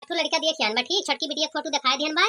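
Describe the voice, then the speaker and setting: In a cartoon comedy role, a woman with an Awadhi accent plays a bossy, scheming village headman, a self-important older father of two daughters. Her voice sits high and sharp, and she races through her lines.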